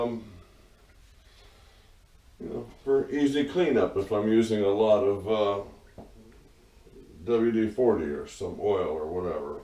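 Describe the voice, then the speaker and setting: A man's voice: fairly low pitch, a little mellow, distant mic. Man, hobby machinist, rambling, dry sarcasm, roomy echo, off-mic. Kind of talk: casual workshop vlog narration.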